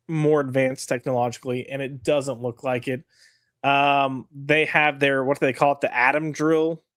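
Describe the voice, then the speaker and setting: A man's voice: mid-range voice, dry recording, studio quality. A man co-hosting a casual comic review chat, frank and exasperated, rambling with fillers.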